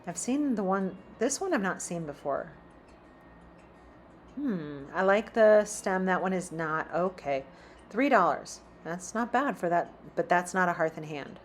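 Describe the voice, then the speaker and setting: A woman's voice: on the low side, big pitch swings, moderate pace, soft background music. A woman chatting casually as she browses a store, reading out prices as she walks. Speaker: shopping vlogger. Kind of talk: casual shop-with-me narration. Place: inside a large store.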